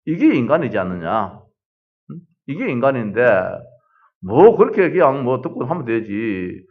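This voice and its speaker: Middle-aged male pastor, animated sermon delivery, swooping pitch, muffled church recording. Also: normal speed. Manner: animated preaching, rhetorical questions, quoting others heatedly.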